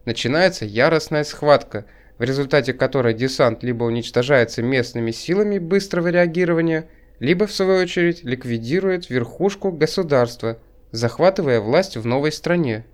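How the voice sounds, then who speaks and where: Man reading a novel aloud, measured. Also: on the high side, lively intonation. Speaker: audiobook narrator. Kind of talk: scripted narration.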